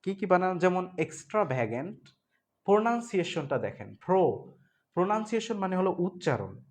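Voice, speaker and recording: A man's voice: high-pitched, very animated, brisk. Man teaching an exam-prep class, repetitive. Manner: explains step by step, repeats points, asks students if they understood; spells words letter by letter, mixes Bengali with read-out English. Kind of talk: online exam-prep lecture.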